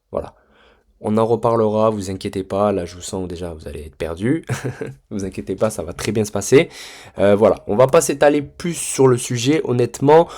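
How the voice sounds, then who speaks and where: A man's voice: medium pitch, darkish tone. A man teaching a trading lesson in a casual, direct way, with many fillers and frequent check-ins with his viewers. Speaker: trading mentor.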